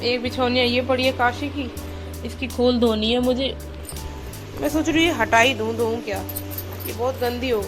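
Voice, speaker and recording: A woman and mother vlogging at home, chatting to the camera as she explains her laundry and cooking step by step. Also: a little high. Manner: chatty, explains each household task step by step. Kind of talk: casual chat to camera.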